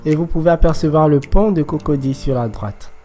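A man guiding a walking tour outdoors beside a busy road. He talks slowly and hesitantly, with many fillers. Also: a little high. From Côte d'Ivoire. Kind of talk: casual walking-tour narration. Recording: background music and traffic noise.

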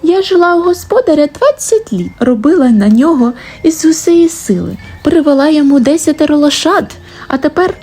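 A tired, bitter old mare speaks in a lifted, swooping voice as a woman storyteller puts her on. She sounds soft and mellow, full of sorrowful grievance, like a bedtime fairy-tale reading. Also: sits high, voice pushed up. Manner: sorrowful, complaining.

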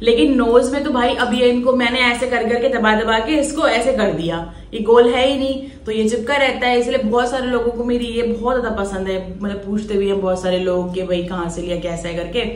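A woman in her thirties chatting casually in a home vlog, talking to viewers and scolding her pets in a high, loud voice. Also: steady tone, fairly quick, hardly any pauses, echoey room, slight background noise. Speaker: vlogger.

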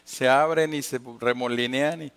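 Mexican pastor preaching with dramatic swings. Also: male voice, mid-range voice, fairly even intonation, normal speed, clean tone, long reverb tail. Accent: northern Mexican. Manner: dramatic storytelling, acting out voices, swings from loud to hushed. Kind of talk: sermon.

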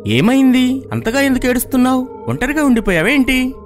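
Woman voicing a sinister ghost boy for a horror storybook: loud and menacing, with a lively, swooping voice. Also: high-pitched, fairly quick, music in the background. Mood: eerie. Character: ghostly boy haunting a dark metro.

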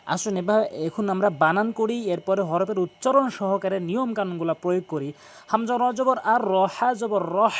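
A man teaching Quran pronunciation, spelling out letters slowly and repeating each correction. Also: high-pitched.

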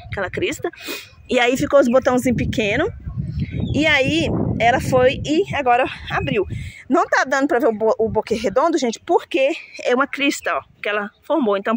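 A plant vlogger shows off her flowers, chatting casually to viewers and laughing at herself whenever she trips over the plant names. Her voice is a little high. There's slight background noise.

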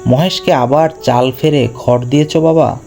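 A man voicing a sensible, caring ten-year-old daughter who speaks gently and earnestly in a storybook reading. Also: mid-range voice, steady tone, moderate pace, vocal fry, faint music behind, voice pushed up, close to an everyday voice. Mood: gentle.

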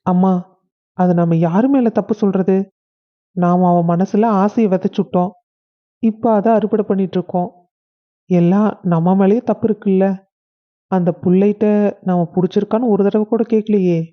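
A woman playing a calm reasoning husband. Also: medium pitch, normal speed, pauses often, close to an everyday voice. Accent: Kongu Tamil. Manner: soothing and reasoning. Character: calm sensible elder son and husband. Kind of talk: family drama acting. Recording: dull lo-fi recording.

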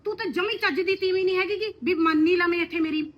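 An actress playing a sharp-tongued neighbor woman who scolds and gives blunt advice. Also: very high-pitched, fast talker, muffled recording, slight background noise. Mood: scolding. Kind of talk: rural family drama.

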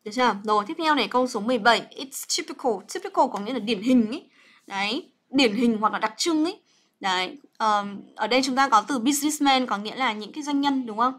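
A woman's voice: fairly high pitch, quick pace, fairly bright tone. A young woman teaching English grammar on a livestream, chatty and coaxing, full of fillers and checks with her students.

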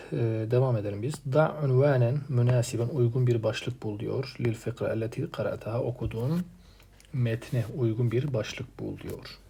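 A man teaching from a textbook, stressing each new word and then explaining it in an even, patient tone. His voice is gravelly and dark, with a rough, husky edge. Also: medium pitch. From Turkey. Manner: reads Arabic words with emphasis, then translates plainly; addresses students as friends, repeats key words. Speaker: Arabic teacher. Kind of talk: textbook lesson walkthrough.

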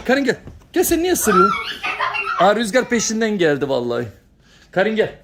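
A woman's voice: mid-range voice, wildly swooping pitch, a little fast. A woman at home filming a casual vlog, coaxing and laughing as she calls to her pet. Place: home indoors.

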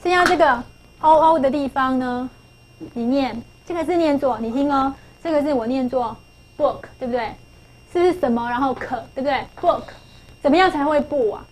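A woman's voice: high voice, a little fast, poor audio. A middle-aged woman teaching English phonics to a class, coaxing pupils with questions and repeating key phrases.

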